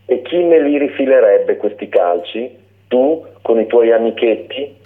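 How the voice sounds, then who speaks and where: A man's voice: medium pitch, animated, unhurried, voice pushed up, lightly acted. A man voicing a rude, mocking male dog who taunts everyone, heard over a narrow phone-like line. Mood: sneering. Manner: sneering and taunting.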